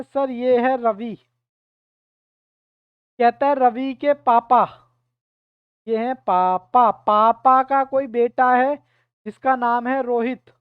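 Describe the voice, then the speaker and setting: A male teacher with a very high, smooth voice leads an online reasoning class, walking through each step and pressing his students to answer. The recording is dry and tinny, like a phone, with no echo.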